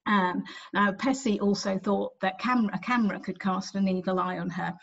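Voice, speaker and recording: Speaking at normal speed with fairly even intonation, a middle-aged woman from England uses her mid-range, gravelly voice to present her book in a library talk held over video call. She's at home indoors, chatting conversationally with lots of ums and self-corrections, and the webcam sound is slightly dull.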